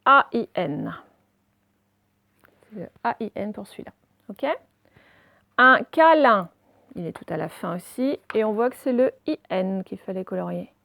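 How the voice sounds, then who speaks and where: A woman teacher giving a reading lesson to young children, spelling out letters slowly and checking in often. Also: mid-range voice, expressive, gravelly, a bit bright, no room sound, clean studio sound.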